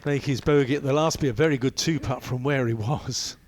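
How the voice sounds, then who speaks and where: A man works as a golf commentator, talking through the play in a chatty, conversational style. He often tosses out rhetorical questions, and his pitch sits in a middling male range. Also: fairly quick.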